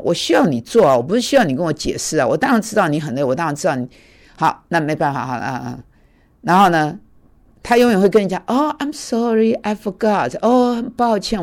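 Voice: mid-range voice, sing-song, quick pace. A preacher giving a conversational sermon, telling a personal story with many fillers and English words mixed in.

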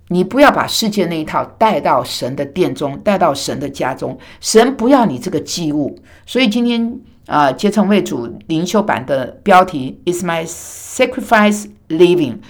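A woman raised in Taiwan delivers a sermon in a somewhat low voice. She wanders into chatty side stories and fills her pauses with ums and ahs. Her delivery stays animated throughout. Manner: animated, chatty asides with many fillers. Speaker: preacher.

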